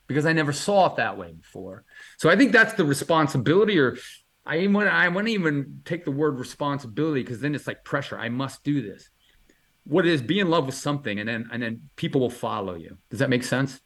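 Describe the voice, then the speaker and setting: A man chats easily in an interview, eager and meandering. He stumbles, restarts and fills gaps with ums. His pitch swings widely as he gets excited, then drops back down. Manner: enthusiastic, rambling, many fillers and restarts. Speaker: illustrator guest answering questions. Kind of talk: casual interview chat.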